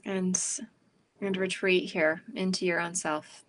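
A woman guiding a meditation in a slow, calm, soothing way, pausing between phrases. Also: on the low side. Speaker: meditation guide. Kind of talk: guided meditation.

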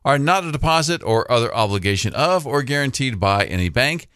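A man's voice: mid-range voice, lively intonation, a little fast, pushed and bright, dry recording, studio quality. A man, a radio host, reading out a scripted legal disclaimer.

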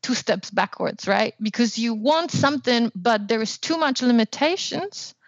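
A woman's voice: a little high, animated, unhurried, no room sound. Woman co-hosting an academic podcast, lo-fi. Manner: thoughtful, hedging with "right?" and "you know". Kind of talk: casual academic discussion.

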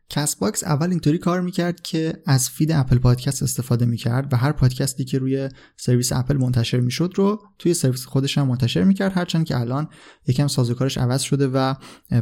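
Male podcast host, warm low-toned delivery, relaxed and hesitant, filler-heavy. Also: creaky. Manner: relaxed, frequent "uh" fillers, unsure of foreign names. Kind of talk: casual explanatory talk.

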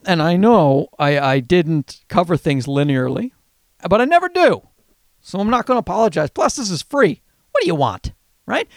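Higher-pitched Newfoundland man telling animated stories. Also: vocal fry, no echo, studio quality. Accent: Canadian, Newfoundland. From Newfoundland, Canada. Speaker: podcast host. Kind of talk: casual rambling comedic monologue.

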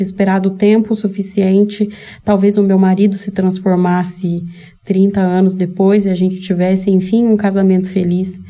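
Brazilian woman, vlog host; warm, soft tone, candid and emotional, talks straight to her audience. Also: mid-range voice. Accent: Brazilian Portuguese. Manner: candid, emotional, speaks directly to viewers. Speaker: channel host. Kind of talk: personal storytelling vlog.

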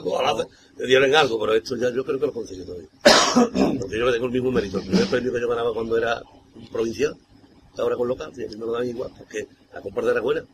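An older man rattles along quickly in an interview, loose and colloquial, circling back on himself. His pitch sits in an ordinary middle range. Clear background noise and ambient sound sit under his voice. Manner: rambling, colloquial, keeps saying "tío". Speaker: carnival troupe singer.

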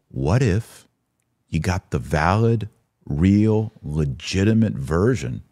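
This American podcast host and religious commentator has a deep, darkish voice. On his live-stream he chats in an opinionated, conversational way, responding to comments and asking rhetorical questions.

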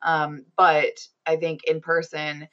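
A woman's voice: low voice, completely flat delivery, slow pace, dull audio. A woman hosting a casual gaming podcast, chatty and upbeat with frequent ums. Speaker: podcast host.

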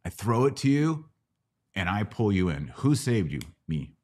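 A middle-aged American man with a notably low, slightly mellow voice hosts a podcast answering religious questions. His sing-song delivery moves at a moderate pace as he teaches conversationally, often pausing to pose a rhetorical question before carrying on.

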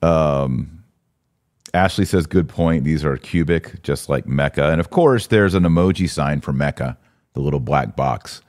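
An American man with a very deep, darkish voice hosts a podcast unhurriedly. He's conversational, opinionated and jokey, and reads out comments from listeners.

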